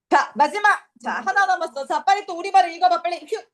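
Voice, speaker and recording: A woman's voice: very high-pitched, a bit bright. A young woman teaching an English class, lecturing casually and quizzing her students.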